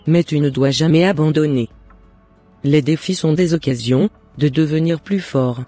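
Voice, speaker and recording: A man takes the role of a loving, devout mother in a cartoon, earnestly and encouragingly advising her son in formal language in scripted dialogue. He speaks at a normal pace with a dark tone, his voice on the high side and close to everyday speech, while faint music plays behind.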